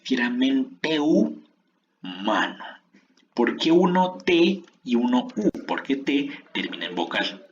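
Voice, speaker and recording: A man teaching a lesson on poetic meter, counting syllables aloud in a slow, drawn-out way and often restarting his phrases. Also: medium pitch, very animated, highs cut off.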